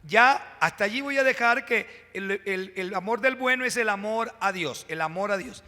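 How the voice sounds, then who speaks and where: A male pastor preaching a Sunday sermon in a church, with dramatic pauses, rising emphasis and direct asides to the congregation. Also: high-pitched, bright, forceful tone. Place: church sanctuary. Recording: long hall reverb from a church.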